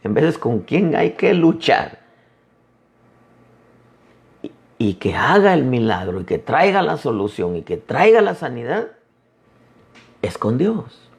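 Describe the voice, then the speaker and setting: A man preaching a sermon as an apostle, emphatic with dramatic pauses. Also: mid-range voice, big pitch swings, gravelly.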